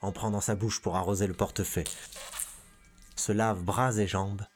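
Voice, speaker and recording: Low-voiced man reading a tale. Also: faint music behind. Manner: measured, expressive reading with lively asides. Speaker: storyteller. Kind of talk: scripted literary narration.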